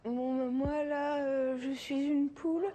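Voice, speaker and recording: An actress playing a weepy woman in a therapy group, halting and full of fillers. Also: sits high, flat delivery, mellow. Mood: whiny. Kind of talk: sketch comedy acting.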